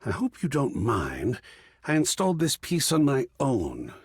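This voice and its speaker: Proud and welcoming, this effusive curator from a video game, a refined artwork brought to life, swoops wildly in pitch with a slightly husky, exaggerated voice. He's unhurried, fussy and theatrical, lingering over ornate words. The recording is dry and close, with no echo.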